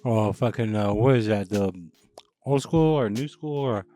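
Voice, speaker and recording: A man's voice: fairly low pitch, a little slow, warm tone, faint music behind. A young man from the Los Angeles area, hosting a casual chat, rambling with many restarts and plenty of swearing. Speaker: podcast host.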